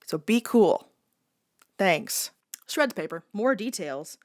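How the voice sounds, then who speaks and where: A young woman video creator giving sardonic, lively comedic commentary while testing an app, often laughing. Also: medium pitch, slow pace.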